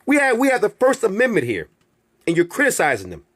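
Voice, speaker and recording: Speaking quickly in a high, slightly bright voice with huge swings in pitch, a channel host launches into a profane monologue for his viewers. He is heated and emphatic, stringing together rhetorical questions and circling back to the same phrases.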